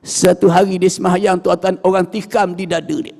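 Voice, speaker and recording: A man with a Malaysian Malay accent tells a sermon story, his voice pitched high with a gravelly edge. He swings from loud and dramatic to hushed. The sound rings with a long echo off a prayer hall. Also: level tone, brisk. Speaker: preacher.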